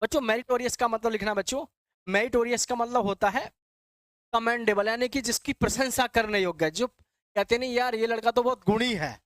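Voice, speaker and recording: A man's voice: extremely high pitch, brisk, fairly bright tone, no echo. A male English vocabulary teacher, giving a classroom lecture. He repeats each word and quizzes his students in a call-and-answer way, calling them "beta.". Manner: addresses students as "beta" and "bachche".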